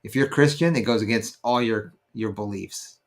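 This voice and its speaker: A man's voice: lowish voice, normal speed. A man co-hosting a podcast in casual chat, rambling and often stopping to search for words. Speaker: podcast co-host.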